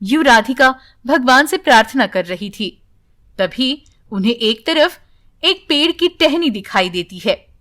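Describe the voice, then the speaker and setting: Woman storyteller, high voice, slow measured narration. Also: animated, a bit bright. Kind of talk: scripted narration.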